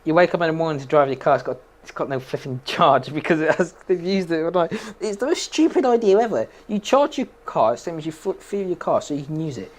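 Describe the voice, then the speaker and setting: A man's voice: a little high, animated, brisk, hardly any pauses. A young man chatting casually while playing a game, rambling, opinionated and laughing often. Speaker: gaming streamer.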